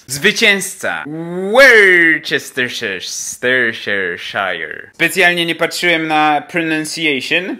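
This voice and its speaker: A young man teaching English rants with sarcastic, exasperated mock outrage. His voice sits a little high and sounds bright and sharp. His pitch swings widely from line to line, and he talks from somewhere outdoors. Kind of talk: comic rant to camera. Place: outdoors in an empty spot.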